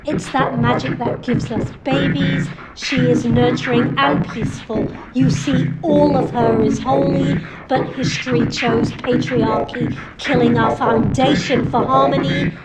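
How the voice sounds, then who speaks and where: A woman reciting spoken-word poetry over music, soft and reflective in manner. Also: on the high side, low-quality recording. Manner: slow, soft and reflective, often quiet. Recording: loud music under voice.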